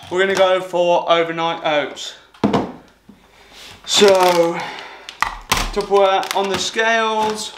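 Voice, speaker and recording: Chatty young man in an echoey kitchen. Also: high-pitched. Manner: chatty, upbeat, talking to camera while cooking. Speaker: fitness vlogger. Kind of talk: casual how-to vlog. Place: small home kitchen. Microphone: camera mic from across the room. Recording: echoey kitchen with clear background noise.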